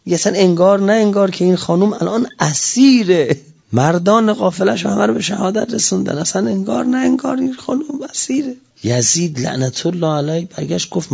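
A male cleric preaching a religious sermon, dropping to hushed whispers and rising to emphatic, raised lines. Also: on the high side, gravelly. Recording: dull lo-fi recording.

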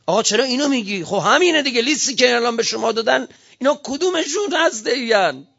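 A man's voice: very high voice, lively intonation, gravelly, a bit bright, dull audio. A man giving an impassioned speech, firing off heated rhetorical questions one after another. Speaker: speaker giving a political talk.

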